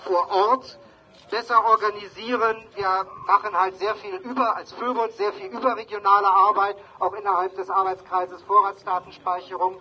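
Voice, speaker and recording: High, bright man on a megaphone. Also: dull audio, slight background noise. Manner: dry, joking asides. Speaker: demonstration organizer. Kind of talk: outdoor rally announcement. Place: outdoors at a street rally.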